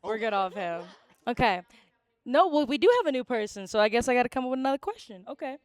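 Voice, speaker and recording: A woman's voice: on the high side, animated, fast talker, no room sound, clean studio sound. A woman hosting a casual podcast interview, teasing her guests and laughing often. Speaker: podcast host.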